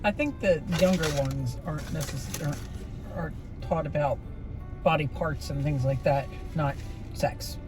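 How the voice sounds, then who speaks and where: A woman's voice: low-pitched, measured pace, over music. A woman chatting casually in a matter-of-fact way. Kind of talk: casual chat.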